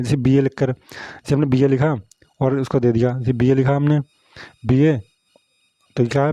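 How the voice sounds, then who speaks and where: A man's voice: mid-range voice, warm tone, no room sound. A man teaching a Hindi grammar lesson, explaining punctuation marks and often asking whether students understood. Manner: repetitive, asks "samjhe?" often.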